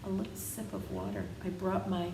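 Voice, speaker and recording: A woman with a mid-range voice reads a children's story aloud, very animated and a little fast, breaking off for chatty asides to her listeners. The room is echoey, with faint background noise.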